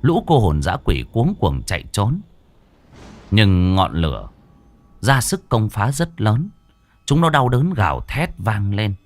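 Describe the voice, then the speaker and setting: A man narrating a ghost story in a lively, dramatic way. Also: on the low side, slow pace, no echo.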